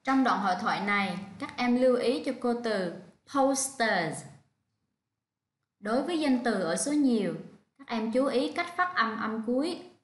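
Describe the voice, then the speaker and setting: A woman's voice: fairly high pitch, lively intonation, unhurried, reverberant. A woman with a Vietnamese accent teaching an online English lesson to children, patiently drilling each word. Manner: patient, clear drilling of words.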